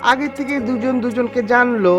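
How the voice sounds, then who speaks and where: An actress playing a gentle, persuasive middle-aged mother in a TV serial. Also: on the high side, moderate pace, over music, close to an everyday voice. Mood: coaxing. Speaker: mother of the bride, wife. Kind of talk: TV serial acting.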